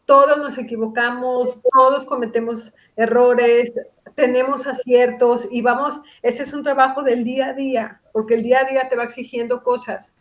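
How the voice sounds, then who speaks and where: A middle-aged woman, a psychologist talking through a casual podcast conversation and explaining her points with examples and quoted dialogue. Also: fairly high pitch. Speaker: guest psychologist.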